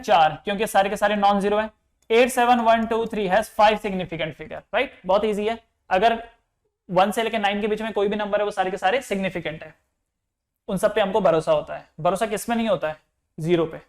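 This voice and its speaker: A man's voice: high-pitched, a little fast. Hindi physics teacher quizzing his class. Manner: explains step by step, asks the students questions; mixes English terms into Hindi. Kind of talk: classroom lecture.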